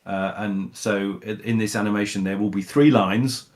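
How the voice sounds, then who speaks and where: A man's voice: on the low side, steady tone, moderate pace. A middle-aged man who grew up in Scotland, a voice actor chatting casually in an interview, rambling with many fillers and restarts. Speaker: voice actor guest.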